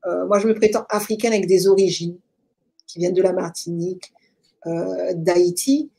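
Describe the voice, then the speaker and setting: A woman with a French accent, talking as an interview guest and telling her story reflectively, with many pauses and fillers. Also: fairly low pitch, gravelly, warm tone, husky. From France. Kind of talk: casual conversational storytelling.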